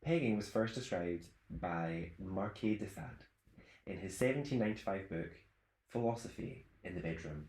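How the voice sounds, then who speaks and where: A man's voice: deep voice, lively intonation, moderate pace, a little mellow, echoey room. A man, hosting a podcast in casual chat and often giggling. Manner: giggly and chatty. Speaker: podcast host.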